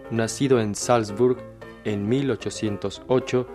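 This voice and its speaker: A man reading a short tale aloud in a slow, measured, solemn storytelling manner. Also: medium pitch, steady tone, over music. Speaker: narrator.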